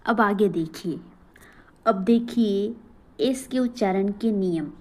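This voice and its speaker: A woman teacher leads a phonics lesson at an unhurried pace, with a soft, warm tone. She asks a question, then repeats the answer herself. Now and then she breaks off to encourage her students. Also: medium pitch, rough recording. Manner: breaks into recited motivational verse. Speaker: English teacher.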